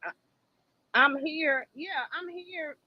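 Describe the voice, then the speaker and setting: A woman's voice: high voice, slow. A woman calling in to a show over a bad connection that keeps cutting in and out. She speaks hesitantly and apologizes often. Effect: choppy call connection cutting in and out. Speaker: caller. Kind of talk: casual call-in conversation. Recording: dull lo-fi remote call line.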